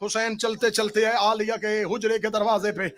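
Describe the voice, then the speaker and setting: A man's voice: high voice, completely flat delivery, fairly bright tone, dry recording. A male religious scholar giving an impassioned, dramatic sermon recitation to a mourning assembly.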